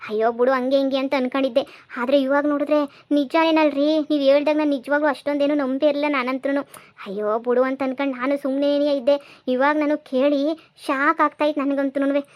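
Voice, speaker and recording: Woman playing a sharp-tongued village wife. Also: high voice, fairly even intonation, a little fast, natural voice. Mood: bewildered. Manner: taunting, scolding, exclaims often. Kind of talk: village comedy skit.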